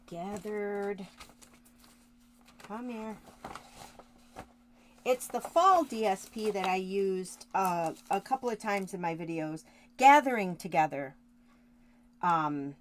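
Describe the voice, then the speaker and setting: A woman hosting a card-making tutorial, chatting casually with live viewers while she works, with rambling asides and self-corrections. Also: medium pitch. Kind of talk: casual craft demonstration.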